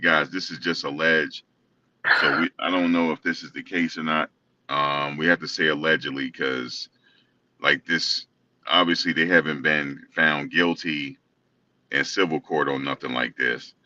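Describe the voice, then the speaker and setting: A man with a very deep voice and a bright edge on top talks through a casual commentary chat. He picks his way along with fillers and restarts. He sits well back from the mic, and the sound is dull and muffled. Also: recorded from a distance. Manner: loose, hesitant, with many fillers and restarts. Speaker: co-host.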